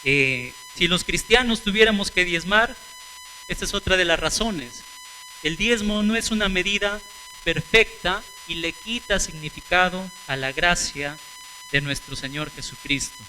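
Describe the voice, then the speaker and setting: A man's voice: high voice, huge pitch swings, measured pace, bright, forceful tone, a little hiss or hum, poor audio. A man preaching a sermon, asking rhetorical questions and answering them, calling the congregation brothers and sisters.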